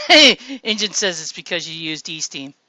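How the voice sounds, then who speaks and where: A woman's voice: fairly low pitch, very animated, normal speed, sharp tone, no room sound. A woman hosting a casual group voice chat, upbeat and encouraging as she calls on each speaker. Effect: group voice chat audio. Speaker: host of a voice-chat showcase. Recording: dull lo-fi voice chat sound.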